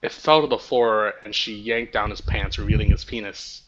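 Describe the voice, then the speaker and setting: Reading roleplay aloud to his friends on an online voice chat, a man with a lowish voice speaks at normal speed, sometimes tripping over words and suppressing laughter. The highs are cut off, and faint background noise sits under the chat audio.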